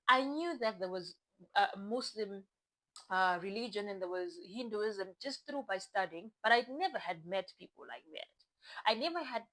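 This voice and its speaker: A woman's voice: a little high, a bit bright, low-quality recording. A young woman from Zimbabwe talking casually to the camera as a vlogger, chatty and often restarting her phrases.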